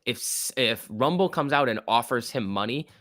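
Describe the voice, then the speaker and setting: A man's voice: medium pitch, expressive, normal speed, a bit bright, dry recording, clean studio sound. A man giving casual live market commentary as a stock trading streamer, reading out chat in slangy, repetitive bursts. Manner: informal slangy muttering to himself, repeats words.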